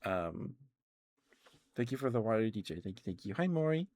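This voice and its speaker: A young man doing soft-spoken, casual ASMR rambles in a giggly, halting way, close to the microphone. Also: on the low side, very animated. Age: young adult. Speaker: ASMR streamer.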